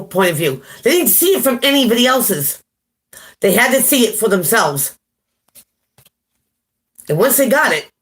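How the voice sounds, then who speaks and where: A woman giving a casual live-stream tarot reading, chatty, laughing at her own jokes and greeting viewers by name. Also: medium pitch. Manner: chatty, laughs at herself often. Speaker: tarot reader.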